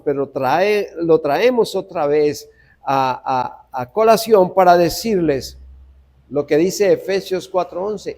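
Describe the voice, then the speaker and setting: Guy preaching a sermon, high voice, slow and deliberate, keeps repeating his point right at the congregation. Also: warm tone. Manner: emphatic, repeats key phrases, addresses congregation directly. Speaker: pastor.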